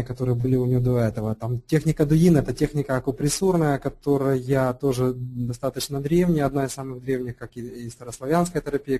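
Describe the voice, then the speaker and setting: A man speaks off the cuff as an alternative health practitioner, his voice mellow and dark in tone at a middling pitch. He hesitates often, filling gaps and restarting phrases as he explains. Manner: hesitant, many fillers and restarts. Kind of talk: unscripted explanatory talk.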